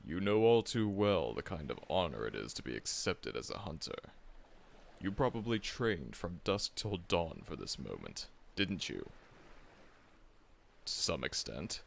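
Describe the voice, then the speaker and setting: Low-voiced and very animated, this man takes his time, with vocal fry and an exaggerated delivery over slight background noise. He's performing an ASMR roleplay as a confident, seasoned monster hunter, a friendly mentor who keeps reassuring the listener, chuckles a lot, and calls them "kid." The mood is encouraging.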